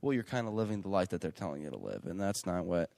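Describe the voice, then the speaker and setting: A man's voice: low voice, big pitch swings, quick pace, gravelly, darkish tone, dry recording. A nineteen-year-old man co-hosting a podcast in casual chat, joking and rambling with lots of fillers and restarts. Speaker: podcast co-host.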